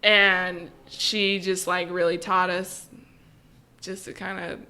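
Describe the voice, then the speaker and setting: A young woman in her twenties, a guest on a podcast, chatting casually and calmly with lots of "like" fillers. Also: on the low side, slow pace, smooth. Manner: relaxed, calm, with frequent "like" fillers. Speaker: guest, professional volleyball player.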